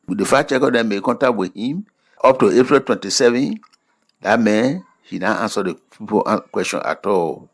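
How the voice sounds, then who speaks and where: Liberian-accented man presenting news plainly. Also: medium pitch. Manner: plain-spoken storytelling, simple colloquial phrasing with explanations of terms. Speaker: news presenter of fact-checks. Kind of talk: explanatory news narration in simple Liberian English.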